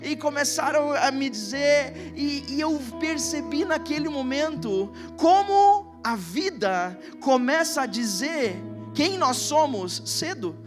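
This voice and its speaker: A middle-aged man with a Brazilian Portuguese accent preaching a sermon, telling a personal story and reading Scripture slowly and with emphasis. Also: very high voice, lively intonation, over music. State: emotional. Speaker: pastor. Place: church stage.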